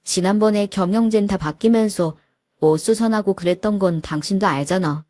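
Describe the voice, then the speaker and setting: A woman's voice: mid-range voice, moderate pace, dark tone, no echo, studio quality, close to an everyday voice. A woman voicing a pleading, weak-willed husband in his forties, in a storytelling dialogue. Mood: hesitant. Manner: begging, hesitant.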